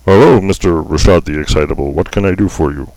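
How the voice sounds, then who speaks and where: A man acting as anchor of a parody newscast, with a deadpan delivery. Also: low-pitched, quick pace, vocal fry, no room sound, low-quality recording. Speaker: mock news anchor.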